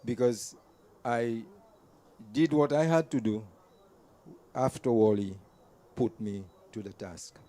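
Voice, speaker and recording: Speaking slowly and pausing often, a man with a mellow, mid-range voice shares an earnest personal story as an invited speaker at a community event venue. He restarts his sentences, repeating words along the way.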